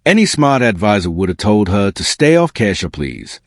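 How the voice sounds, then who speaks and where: Male gossip host, slightly low voice, very animated; smug, sarcastic exposé narration with street slang. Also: moderate pace, no echo. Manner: colloquial hip-hop slang. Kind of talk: scripted narration, celebrity exposé commentary.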